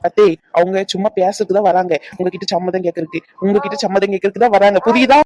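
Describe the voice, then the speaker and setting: A woman's voice: mid-range voice, fairly even intonation, fast talker, a little mellow, close to an everyday voice. A woman voicing a cheerful young village woman in a cartoon, who talks eagerly and reassuringly. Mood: brisk. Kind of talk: Tamil cartoon voice acting.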